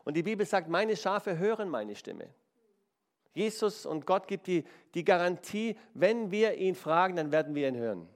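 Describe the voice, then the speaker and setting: A man's voice: sits high, very animated, normal speed. A man preaching a sermon in an emphatic style, repeating key phrases. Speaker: pastor.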